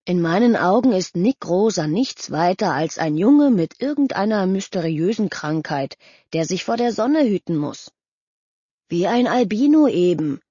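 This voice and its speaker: A woman's voice: lowish voice, animated, a little slow, warm tone, slightly rough, no room sound. A woman voicing a curious, level-headed teenage boy who speaks reasonably and skeptically. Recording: dull lo-fi audio.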